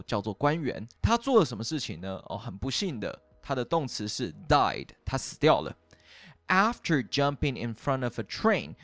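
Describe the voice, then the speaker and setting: A man's voice: medium pitch, no room sound. A young man with a Taiwanese Mandarin accent, co-hosting a podcast and explaining English grammar step by step in a chatty way. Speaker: podcast co-host teaching English.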